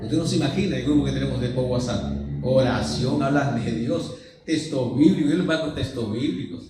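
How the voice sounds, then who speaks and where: A man's voice: mid-range voice, fairly quick, over a noisy crowd. A man with a Peruvian accent preaching a sermon as pastor. He mixes personal stories with rhetorical questions. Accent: Peruvian Spanish. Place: church. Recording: echoey church hall, mic at a distance.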